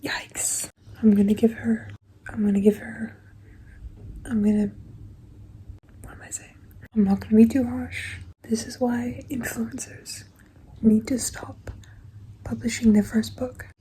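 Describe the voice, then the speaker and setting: A woman's voice: fairly high pitch, little pitch movement, unhurried, long pauses, dark tone, a little hiss or hum, poor audio. A young woman chatting frankly in a casual vlog, often dropping into a half-whisper. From Australia. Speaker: vlogger.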